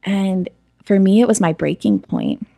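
A woman's voice: mid-range voice, big pitch swings, measured pace, gravelly, dark tone, dry recording, clean studio sound. A woman guest in an interview, candidly and reflectively recounting a personal story, with frequent fillers.

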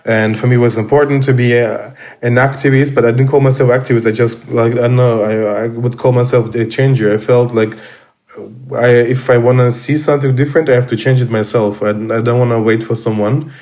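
A man, a guest speaking casually in English, pausing often with fillers and restarts. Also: medium pitch, fairly even intonation, darkish tone. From Armenian, raised in Russia. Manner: halting, many fillers and restarts. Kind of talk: casual conversation.

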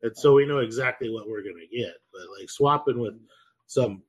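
A man hosting a podcast, chatting casually in a rambling, profane, animated way. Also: mid-range voice, a little fast, husky. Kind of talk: casual chat.

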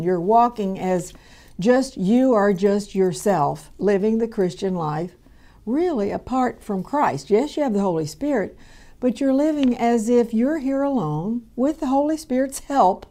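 A woman, talking through a radio Bible lesson in an easy, conversational way. Her voice is mellow and soft-edged, sitting at an ordinary pitch for a woman. She wanders a bit, doubling back with fillers and restarts as she goes. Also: expressive, a little slow. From Kentucky, USA. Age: 70s. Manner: rambling, with frequent fillers and restarts.

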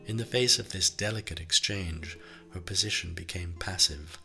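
A male audiobook narrator with a low voice and a bright, forceful edge, reading in an even and measured way. A faint plucked guitar plays softly beneath him. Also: creaky. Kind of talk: scripted narration.

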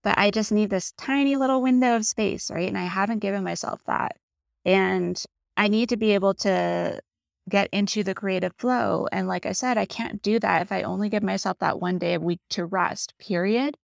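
A woman's voice: mid-range voice, normal speed, gravelly, no room sound. A woman giving a reflective tarot reading in a casual, rambling monologue, earnest and heartfelt, often checking in with "right?". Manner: heartfelt, close to tears at times. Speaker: tarot reader.

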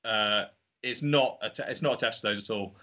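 Bright-voiced man chatting as interview guest. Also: fairly low pitch, fairly quick. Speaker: indie game developer, podcast guest. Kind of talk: casual interview chat.

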